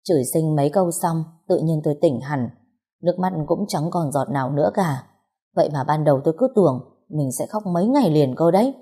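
A young woman narrating a first-person romance story in a calm, wry way. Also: low voice, fairly quick, husky. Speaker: audiobook narrator.

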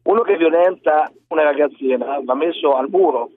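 A man's voice: on the high side, moderate pace, slight background noise. Blunt man on a tinny phone line. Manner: blunt and crude, rambling with filler words. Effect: tinny phone line from a car, sounding like a speakerphone. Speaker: radio caller. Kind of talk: call-in radio chat. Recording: phone-band call-in audio.

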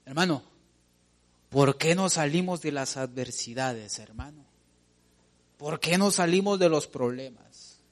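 A man preaching a sermon, asking rhetorical questions and calling out to his listeners as "brother", building to loud emphatic appeals. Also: a little high, measured pace, long pauses. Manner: preaching, calls out "hermano" and builds to shouts. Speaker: pastor.

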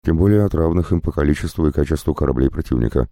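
A man's voice: extremely low pitch, lively intonation, rapid-fire, mellow, no echo, studio quality. A man doing a shrewd commanding rear admiral. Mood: measured.

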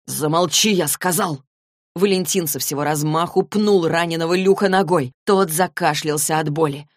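Woman audiobook narrator, lowish voice, dramatic, dry close recording. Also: moderate pace, no echo. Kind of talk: scripted narration.

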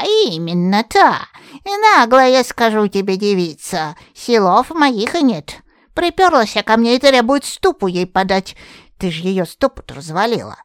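A woman's voice: on the high side, clean tone, no echo, clean studio sound. A woman voicing a grumpy old forest witch who talks like a rustic village granny, in an audiobook. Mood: grumbling. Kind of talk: audiobook character voice.

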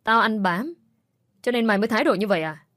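A woman's voice: on the high side, expressive, quick pace, a bit bright, no room sound, voice pushed up. A woman voicing a bitter, nagging middle-aged mother-in-law who scolds and accuses, in a dry recording with faint music behind. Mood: scolding.

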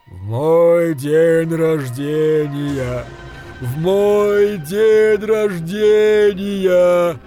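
A man voicing a drunk, tearful, defiant grown man who shouts and wails his words out slowly. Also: fairly high pitch, faint music behind, voice pushed up. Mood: wailing song. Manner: loud, drawn-out, wailing delivery.

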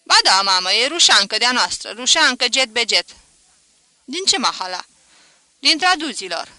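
A woman doing a burly young man, shouting with joy. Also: high voice, dry recording, voice pushed up, heavily acted. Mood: eager. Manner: shouting, loud and excited. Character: jubilant burly young man, newly married.

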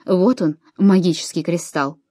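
A grave, world-weary Roman commander in his late forties, read by a woman in a storybook reading, his words dropping low and heavy. The voice is mellow and dark, set close and dry with no room around it. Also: fairly even intonation, a little slow, no room sound. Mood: awed. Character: aging weary Roman commander, man of forty-seven.

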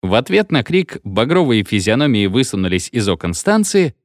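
A man reading a satirical story aloud as narrator, with expressive storytelling. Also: medium pitch, moderate pace, dry recording, studio quality.

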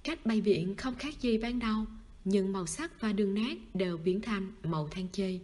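A woman narrating a novel in steady storytelling fashion. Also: mid-range voice, normal speed. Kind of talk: audiobook narration.

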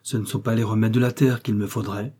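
A man voicing a weary, melancholy young woman who speaks quietly with sighs. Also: fairly low pitch, fairly even intonation, quick pace, slightly rough. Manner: quiet, sighing.

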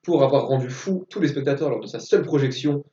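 A man's voice: mid-range voice, fast talker, dark tone. A man co-hosting a casual film podcast, going methodically through facts and dates. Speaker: podcast co-host. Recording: echoey room, distant dull mic.

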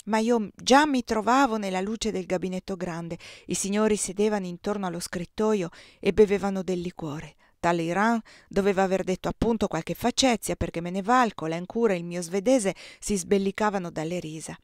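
A woman reading a novel aloud as an audiobook, measured and quietly voicing the dialogue. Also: mid-range voice, no room sound, studio quality. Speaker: audiobook reader.

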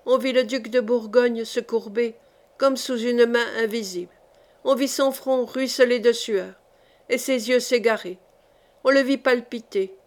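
A woman narrating a historical novel as an audiobook, in a measured, dramatic reading. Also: on the high side.

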